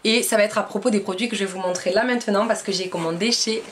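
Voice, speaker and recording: A woman's voice: mid-range voice, rapid-fire. A young woman with a French accent chatting to camera about her beauty shopping haul, enthusiastic and full of fillers. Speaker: beauty vlogger. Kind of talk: casual haul chat to camera.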